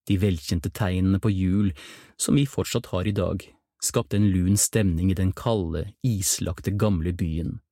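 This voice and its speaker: A man's voice: low voice, fairly even intonation, dark tone, no room sound, clean studio sound. A man narrating a storybook tale, breaking off into playful, chatty asides to the listener.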